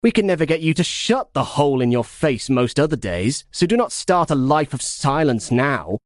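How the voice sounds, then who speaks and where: A man voicing a reserved young Spartan warrior in an audiobook, wry and measured. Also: mid-range voice, very animated, no room sound, clean studio sound, pitched above the performer's own voice, natural voice. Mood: teasing. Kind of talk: audiobook character voice.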